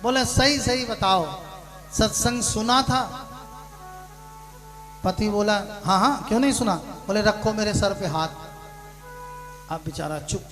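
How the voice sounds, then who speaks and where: A male preacher telling a parable in a sermon, switching between quiet storytelling and loud shouted lines. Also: high-pitched, a little slow, long pauses, music in the background. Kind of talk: sermon storytelling with acted dialogue.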